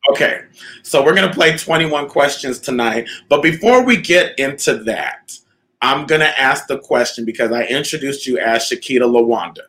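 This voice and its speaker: A man's voice: medium pitch, animated, normal speed, bright, forceful tone, poor audio. A man born in Canada hosting a talk show, speaking in a reflective, casual way with frequent fillers. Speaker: host. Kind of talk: casual chat.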